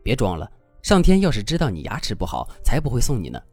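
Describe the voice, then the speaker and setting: A man's voice: medium pitch, wildly swooping pitch, fast, a little mellow, no room sound, faint music behind. A man voicing a young boyfriend who scolds his girlfriend in an exasperated tone. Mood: teasing.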